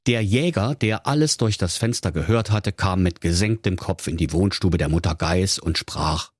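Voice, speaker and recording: A man's voice: sits low, moderate pace, dry recording, studio quality. A man telling a comic fairy-tale parody in a playful, theatrical way. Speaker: narrator.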